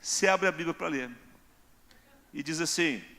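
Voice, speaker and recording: Man preaching in church, kinda gravelly, acts out little scenes as he talks. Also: fairly high pitch, moderate pace, pushed and bright. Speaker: pastor. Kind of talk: sermon.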